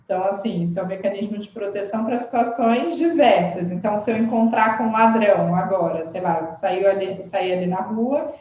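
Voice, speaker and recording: A woman explaining communication habits in conversation, animated and tagging her sentences with questions. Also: medium pitch, a little fast, hardly any pauses. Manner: animated, frequent "né?" tags. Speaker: communication expert guest. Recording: very echoey dull-sounding room.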